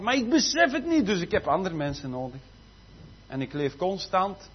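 A man preaching a sermon, dropping to soft asides and then rising to loud, emphatic declarations. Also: on the high side, breathy edge. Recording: slightly muffled, faint background noise.

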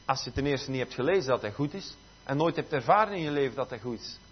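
A man's voice: medium pitch, animated, fast, slightly rough. A man preaching a church sermon, emphatic and dotted with amen and halleluja. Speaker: pastor. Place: church service. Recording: dull lo-fi recording.

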